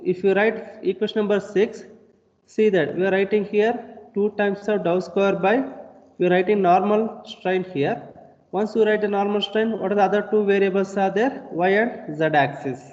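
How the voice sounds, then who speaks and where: A high-voiced man teaches an engineering class over a video call. He explains step by step, keeps asking rhetorical questions, and repeats himself as he goes. The audio is dull and lo-fi, with a long, hall-like reverb. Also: fairly even intonation, moderate pace, darkish tone. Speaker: lecturer. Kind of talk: online engineering lecture.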